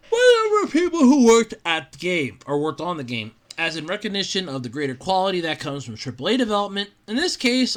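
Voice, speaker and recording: A podcast host with a medium-pitched voice recites an article in a sarcastic, animated way, dropping in relaxed, profane side comments.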